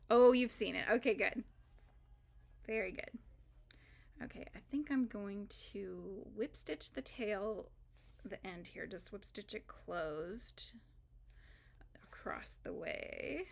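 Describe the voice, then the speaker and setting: A gravelly, slightly high-voiced woman hosts a live crochet stream. She chats casually while she works, rambling with lots of fillers and laughs.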